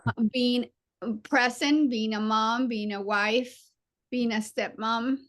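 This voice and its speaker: A woman in her forties from Colombia with a Colombian Spanish accent, a surgeon being interviewed, speaking earnestly and reflectively with frequent pauses and fillers. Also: on the high side, fairly even intonation, fairly bright tone. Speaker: guest surgeon. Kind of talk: interview conversation.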